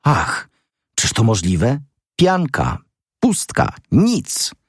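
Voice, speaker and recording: A man reading the part of a fussy, excitable older magistrate who bursts out in shrill, indignant exclamations. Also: takes it slowly, slightly rough, dry recording, clean studio sound, heavily acted. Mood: stunned. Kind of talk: audiobook character reading.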